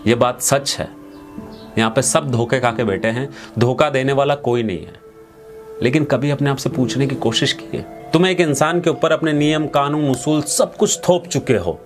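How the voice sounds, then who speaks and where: Young male host, earnest heart-to-heart monologue, mid-pitched, background music throughout. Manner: earnest, direct, speaks straight to the viewer with questions. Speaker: poetry and storytelling channel host. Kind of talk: reflective motivational monologue.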